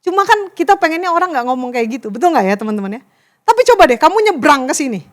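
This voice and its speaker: A young woman giving a chatty, animated youth sermon and talking straight to the crowd. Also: high voice, rapid-fire. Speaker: youth preacher. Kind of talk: casual sermon.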